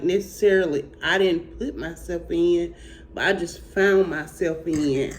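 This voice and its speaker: Slow Southern country drawl, faith testimony. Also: medium pitch, a little hiss or hum. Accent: Southern US, country Alabama. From Alabama, United States. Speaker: faith vlogger. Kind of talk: personal testimony and faith encouragement vlog.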